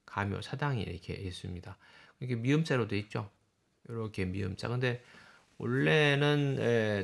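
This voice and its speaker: A male professor lecturing to a class. His voice is low and gravelly, with a creaky edge. He walks through slides in short explanatory phrases, pointing things out as he goes. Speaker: university professor.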